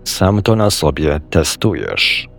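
A man reading the lines of a calm, wise old male sorcerer teacher, measured and gently amused. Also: a bass voice, creaky, soft background music, voice pushed down, full character voice.

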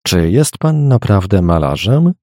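A man voicing a young woman in an audiobook, brisk and cheerful but a little evasive. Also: lowish voice, sing-song, mellow, no echo, studio quality. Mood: guarded. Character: young woman driving a carriage, teasing and guarded.

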